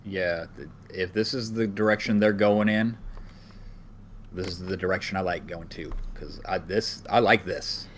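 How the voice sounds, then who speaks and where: Easygoing low-voiced man co-hosting. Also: moderate pace, a little hiss or hum. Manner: easygoing, hesitant restarts. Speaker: podcast co-host. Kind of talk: casual chat about music videos.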